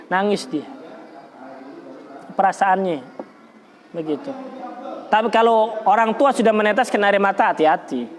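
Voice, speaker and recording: A man leads a religious study lecture in a relaxed, conversational way, with a notably high voice. He quotes Arabic verses and then explains them. He repeats points for emphasis and often stumbles into restarts. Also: moderate pace, long pauses. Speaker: Islamic religious teacher.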